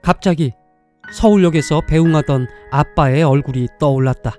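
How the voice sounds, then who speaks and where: Over music, a male storyteller and narrator with a mellow, higher-pitched voice delivers a scripted, dramatic story at a moderate pace.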